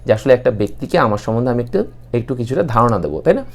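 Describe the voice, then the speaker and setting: Bangladeshi man, young adult, english teacher, explains step by step, slow example phrases. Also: mid-range voice, sing-song, creaky. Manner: explanatory, stretches slow model sentences. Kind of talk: online English class, mixing Bengali and English.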